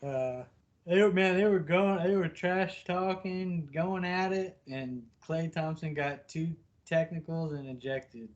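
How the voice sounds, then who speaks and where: A man, talking in a slightly high voice. He chats loosely and swears through easy banter with friends. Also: measured pace, dull audio. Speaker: podcast co-host. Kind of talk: casual chat.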